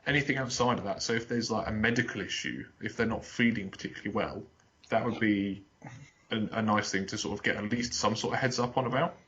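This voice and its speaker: A man's voice: lowish voice, fast, a bit bright. A man co-hosting a podcast, chatting casually with joking, crude humour. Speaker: podcast co-host. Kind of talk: casual chat. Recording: dull lo-fi podcast audio.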